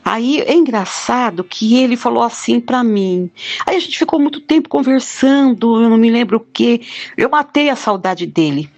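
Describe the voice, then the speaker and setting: Middle-aged woman, slightly raised pitch, sincere plain-spoken personal testimony. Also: lively intonation, moderate pace, a little mellow, highs cut off, soft background music. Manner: heartfelt, plain-spoken storytelling. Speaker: guest telling a near-death experience.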